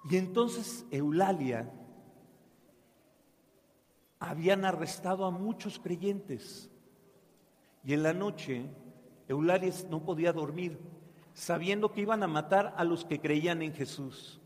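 A priest telling a saint's story to children in a church, asking them questions and having them answer back. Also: male voice, on the high side, takes it slowly, pauses often. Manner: animated, asks children questions, call and response. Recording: echoey church hall.

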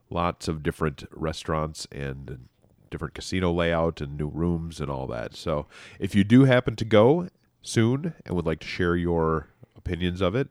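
Man, podcast host, low pitch, stuffy nose, rambling casual chat, dry sound. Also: no echo. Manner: relaxed, rambling, dry humor. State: stuffy from allergies.

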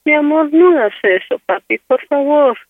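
A woman's voice: high-pitched, animated, moderate pace, no room sound. A woman on a phone call, pleading in a tearful way. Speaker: prank call target. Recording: tinny phone line.

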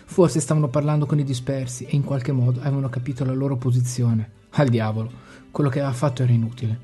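A man narrating a dramatic story in a slow, intense delivery with heavy pauses. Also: mid-range voice, fairly even intonation, warm tone, soft background music.

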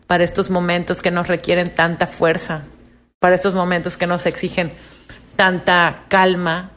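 A young woman hosting a reflective monologue podcast, earnest and confiding. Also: on the low side. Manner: earnest, confiding, acts out quoted voices. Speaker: podcast host.

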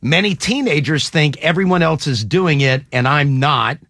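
A man's voice: a little high, moderate pace, a bit bright, no echo, studio quality. A man hosting a casual panel chat, reading out statements and quizzing the panel playfully. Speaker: host.

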